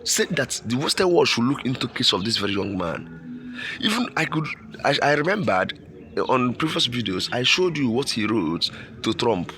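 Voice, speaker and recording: Casting: Nigerian man, political vlogger, forceful and insistent, repeats key phrases, faint-to-moderate background noise. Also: mid-range voice, big pitch swings, moderate pace. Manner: emphatic, repeating phrases and rhetorical questions. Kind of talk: impassioned political commentary.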